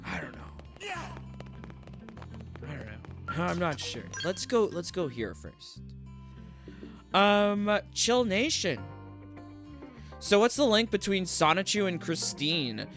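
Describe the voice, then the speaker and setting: Male gaming host, sarcastic let's-play voice with slightly raised pitch and an animated delivery. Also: slow pace, pauses often, over music. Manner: sarcastic, mocking, laughs between lines.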